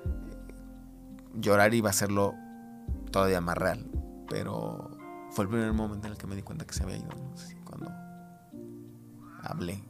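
A Mexican man with a low, gravelly voice recalls a personal story as a guest on a podcast. He speaks in a hesitant, halting way, full of fillers and restarts. Clear background music plays under his voice in the recording booth. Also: expressive.

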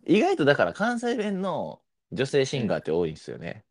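A young man with a Kansai accent, co-hosting a podcast in a relaxed, polite, agreeable way. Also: mid-range voice, brisk. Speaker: podcast co-host. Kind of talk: casual chat.

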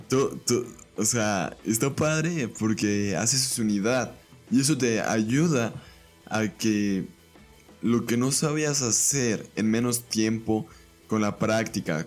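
Slow, low-voiced Mexican podcast man. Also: a little mellow. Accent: Mexican Spanish. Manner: chatty, playful, acts out little voices. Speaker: podcast host. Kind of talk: casual solo podcast monologue.

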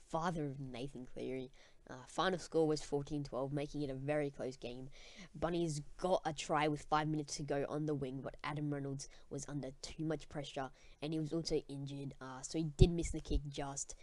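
A young student, possibly a teenager, with an Australian accent hosts a casual sports chat podcast, talking in a matey, slangy style. The voice is medium-pitched and the recording is dry.

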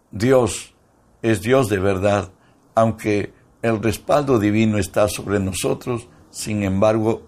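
A man as pastor giving a Bible study sermon, in a slow, measured preaching manner that reads scripture aloud. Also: lowish voice, darkish tone.

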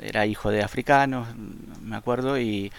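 A man from Argentina, a guest in an interview, telling a story at an unhurried pace with hesitant fillers. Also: lowish voice, steady tone, vocal fry. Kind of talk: conversational interview.

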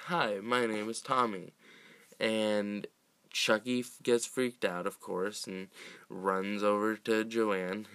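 A man with a fairly low voice talks through a film's plot at an unhurried pace. He rambles, restarts sentences and throws in fillers as he goes. The recording is close and dry, with no room sound. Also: a bit bright, clean tone, no echo. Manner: rambling, many fillers and restarts, laughs often. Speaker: podcast host recapping a film. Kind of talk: casual film recap chat.

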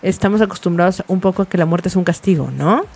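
A woman's voice: on the low side, fast, darkish tone, breathy edge. A woman with a Mexican accent, co-hosting a talk show, earnest and enthusiastic. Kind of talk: casual chat.

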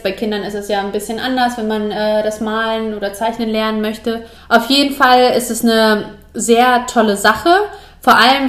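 A woman co-host with a somewhat high voice talks through a tip slowly and explains as she goes, pausing on filler sounds. The room is echoey and roomy. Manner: reads a tip aloud with fillers, slow and explanatory. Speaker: podcast co-host. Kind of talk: casual podcast hosting.

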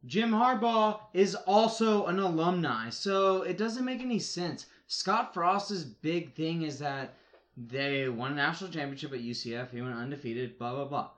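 A man's voice: on the high side, lively intonation, moderate pace, fairly bright tone. A man co-hosting an amateur sports podcast, arguing college football in brash, mock-confident banter. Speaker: podcast co-host. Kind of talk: casual sports chat.

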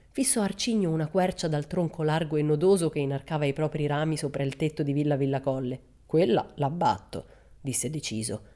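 A woman narrating a children's storybook in a measured, expressive way. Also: sits low. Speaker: audiobook narrator. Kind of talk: storybook reading.

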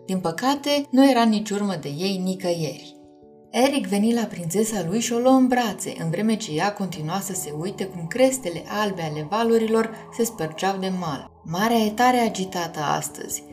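A woman's voice: medium pitch, expressive, darkish tone. Woman reading a children's storybook. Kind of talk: storybook read-aloud. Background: faint music.

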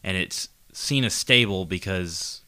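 Podcast co-host, man, deep bright voice, rambling and profane in casual chat. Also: measured pace. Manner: rambling, profane, explaining at length.

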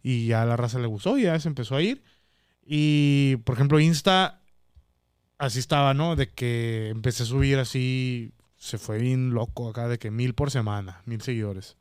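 A young man from northern Mexico chatting casually on a podcast, slangy and animated, now and then bursting into a loud shouted catchphrase. His voice sits in a middle pitch, recorded dry and close with no room sound. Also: normal speed, clean tone, no echo. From Baja California, Mexico. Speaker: comedian guest.

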